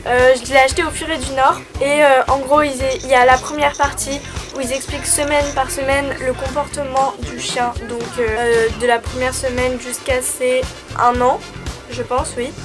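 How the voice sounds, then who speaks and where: A woman's voice: high voice, little pitch movement, normal speed. A young woman from France chatting casually as a dog-owner vlogger, reading viewer questions aloud and answering them in a chatty, hesitant way. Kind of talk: casual FAQ chat. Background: background music.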